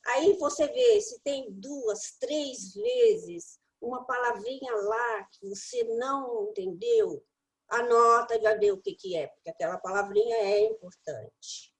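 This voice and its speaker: A woman English teacher mentors her listeners with practical study tips, addressing them directly and playfully at a measured pace. Her high voice moves through a wide, animated range, and the recording quality is low.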